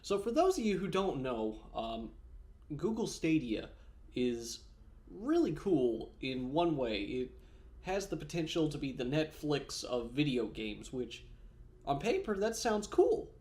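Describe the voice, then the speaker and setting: A man's voice: on the high side, a little mellow. A man chatting casually in a gaming vlog, rambling with many fillers and self-corrections, snacking on almonds as he talks. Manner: snacks on almonds while talking. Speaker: gaming vlogger.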